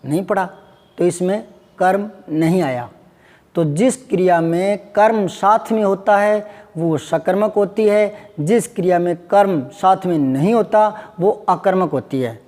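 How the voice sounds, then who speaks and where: A man's voice: high voice, measured pace, darkish tone, in a large hall. A man teaching Hindi grammar, patiently repeating examples and asking his students questions. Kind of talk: classroom lesson.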